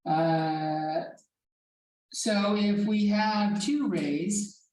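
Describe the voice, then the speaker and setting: A woman's voice: mid-range voice, drawn-out words, darkish tone, echoey room. A woman teaching a math class as professor, in a casual, digressive way with some swearing, recorded from far off in a classroom. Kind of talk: classroom lecture.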